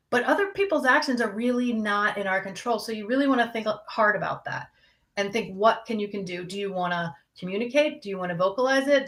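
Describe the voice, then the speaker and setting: A woman's voice: medium pitch, fairly bright tone. A young adult woman counselor talking candidly and conversationally about anxiety to a live audience. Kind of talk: casual talk on anxiety.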